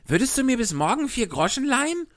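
An eager, mischievous wooden boy puppet with a boyish storybook voice, pushing and bargaining without shame, as a woman reads him. He sounds a little higher than the narration. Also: very animated, fairly quick. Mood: pleading.

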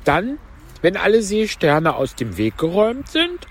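A man voicing a tearful, sentimental female mock turtle in a high, sing-song voice, reading outdoors on a park bench. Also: huge pitch swings, a little slow, slightly rough, exaggerated voice. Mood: excited.

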